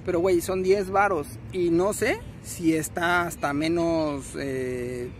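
A man's voice: a little high, steady tone, slow pace. A young Mexican man vlogging to his phone in a city park, rambling in casual slang and correcting himself as he goes. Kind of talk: casual selfie vlog. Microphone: phone at arm's length. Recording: outdoor noise, passing traffic.

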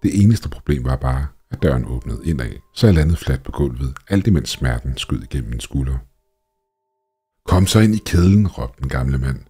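A man reading a horror story aloud in a steady, measured, scripted narration. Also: rumbling low, breathy edge. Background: faint background music.

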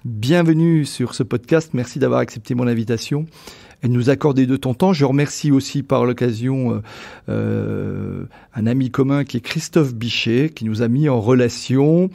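Podcast interviewer: man, mid-pitched, soft dark tone with noticeable vocal fry, conversational. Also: moderate pace.

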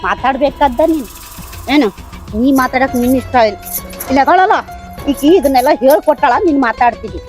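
A woman's voice: high-pitched, fairly quick, a little mellow, soft background music, close to an everyday voice. A woman with a North Karnataka accent playing a harsh, scolding stepmother-in-law in a village family drama skit. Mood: resentful. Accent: North Karnataka Kannada. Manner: taunting, scolding.

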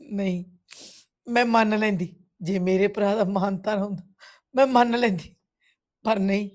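Actress doing a teary, accusing punjabi sister in a village drama. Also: female voice, mid-range voice, steady tone, unhurried, a little mellow, natural voice. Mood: bitter reproach. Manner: reproachful, tearful accusations. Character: bitter grieving village woman, middle-aged, accusing. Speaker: actress playing a grieving sister. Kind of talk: village web series drama.

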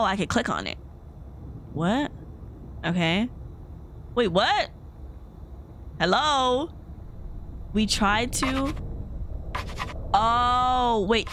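A woman's voice: mid-range voice, a bit bright, a little hiss or hum. A young woman giving casual, slangy commentary as a scared, jittery horror game streamer. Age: young adult. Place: small indoor gaming room.

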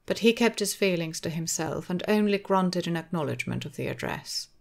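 A woman narrating an audiobook of a classic novel in a measured, expressive reading. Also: on the low side, creaky.

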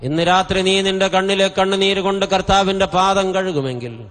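Impassioned high-pitched male preacher, booming hall. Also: moderate pace, a bit bright. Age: middle-aged. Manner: impassioned, exhorting, emphatic with repeated phrases. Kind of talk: fervent revival sermon. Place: convention stage at a podium. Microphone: stand microphone close to mouth. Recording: reverberant hall sound system.

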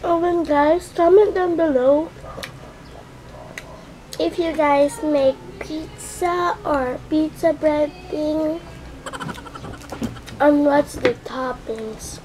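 A woman's voice: sits high, drawn-out words, pauses often, darkish tone. A young girl vlogger chatting to viewers while chewing her food. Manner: simple chatty talk to viewers. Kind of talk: casual mukbang vlog. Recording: noisy home recording.

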